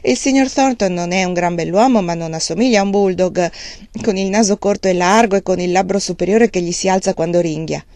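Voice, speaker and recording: A woman reading the part of an earnest, composed young lady who speaks in a calm, reasoning way. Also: fairly low pitch, brisk, no echo, natural voice.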